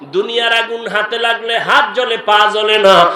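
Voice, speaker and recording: In a high-pitched, pushed, bright voice with fairly even intonation, a man gives an impassioned Islamic sermon that is partly chanted. His emotional appeals go straight to the listeners, his calls drawn out melodically, and the amplified audio echoes.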